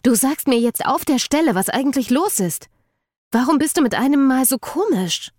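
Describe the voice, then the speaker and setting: A woman's voice: medium pitch, expressive, normal speed, mellow, slightly rough, dry recording, clean studio sound. Woman voicing an anxious teenage girl. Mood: urgent. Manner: pleading, demanding.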